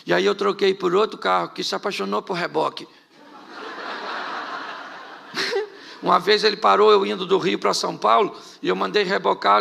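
A man's voice: sits high, creaky, sharp tone. A middle-aged Brazilian man preaching a sermon as pastor, firing off rhetorical questions and joking asides.

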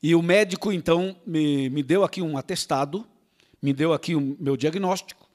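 A man's voice: fairly high pitch, moderate pace, darkish tone, natural voice. Man acting out a whiny, reluctant old prophet. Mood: pleading. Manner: excuse-making, whiny.

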